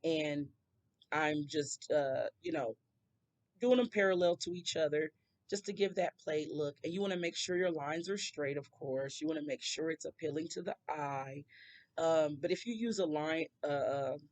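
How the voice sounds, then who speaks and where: Woman, nail tutorial host, hoarse and scratchy today; chatty, rambling voice-over. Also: deep voice, a little slow, darkish tone. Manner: chatty, rambling asides to viewers.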